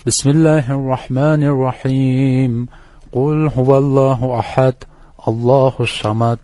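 A man calling in to a radio program and reciting verses in a steady chant. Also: mid-range voice, no room sound. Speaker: caller reciting prayer verses.

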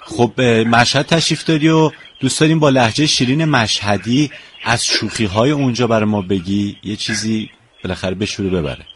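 A man's voice: mid-range voice, slight background noise. A male radio host chatting casually with a guest, often cheering him on with approving interjections. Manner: warmly encouraging, frequent approving interjections.

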